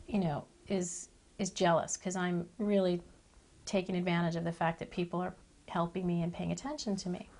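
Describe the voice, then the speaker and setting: A woman's voice: fairly low pitch, a little mellow. A middle-aged woman, a former child actress, chatting in an interview about her past roles with playful, self-deprecating asides. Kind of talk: reminiscing interview.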